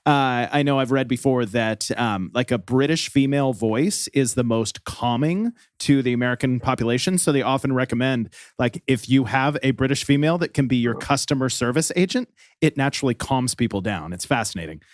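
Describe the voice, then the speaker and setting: A man's voice: medium pitch, fairly quick, no echo, studio quality. A man co-hosting a podcast, telling rambling stories in casual chat with lots of fillers. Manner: chatty, rambling storyteller with many fillers. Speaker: podcast co-host.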